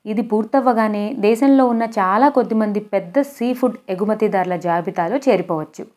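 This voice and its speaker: A woman's voice: medium pitch, moderate pace, a little mellow. Woman reading a novel aloud. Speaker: audiobook narrator.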